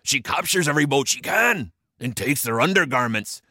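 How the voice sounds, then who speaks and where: A man's voice: medium pitch, animated, normal speed, bright, forceful tone, dry recording, studio quality, voice pushed up. A man voicing a fearful, complaining male pirate crewman in a comic story. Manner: complaining, defeatist.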